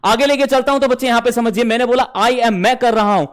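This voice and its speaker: A man's voice: extremely high pitch, steady tone, quick pace. A man teaching spoken English to students, explaining sentence patterns and repeating drill sentences.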